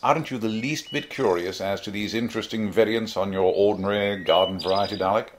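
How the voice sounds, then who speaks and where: A man's voice: lowish voice, fairly quick, a little hiss or hum, natural voice. A man playing an eccentric, cheerful, curious alien time traveller in an audio drama, with a theatrical, wordy manner. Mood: wry, puzzled.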